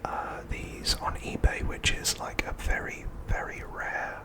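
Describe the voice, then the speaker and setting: Speaking only in an unvoiced, breath-filled whisper, the ASMR host gives a relaxed, unscripted show-and-tell, keeping everything hushed.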